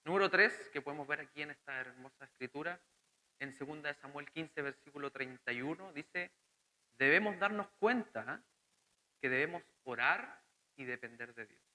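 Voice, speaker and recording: A man's voice: fairly high pitch, animated, moderate pace, pushed and bright, rough recording. A young man with a Chilean Spanish accent preaching a sermon, earnest and conversational, asking the congregation questions.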